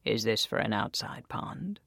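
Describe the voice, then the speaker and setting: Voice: mid-range voice, very animated, creaky, dry recording, clean studio sound, voice pushed down, full character voice. Narrator whispering as a gaunt creepy shopkeeper man. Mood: hushed. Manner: hushed whispery, slow and coaxing. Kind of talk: storytelling voice acting.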